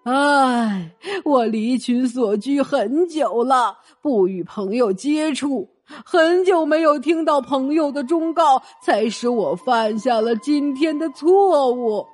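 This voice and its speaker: A woman's voice: high-pitched, slow pace, hardly any pauses, darkish tone, faint music behind. Woman voicing a grieving ancient scholar man. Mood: remorseful. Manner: sobbing, wailing. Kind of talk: children's story acting.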